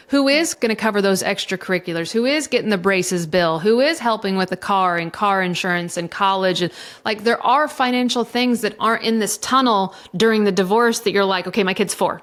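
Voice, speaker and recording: In a podcast interview, a middle-aged woman who works as a divorce coach and mediator speaks candidly and with real emotion, swearing freely. Her voice is medium in pitch and a bit bright.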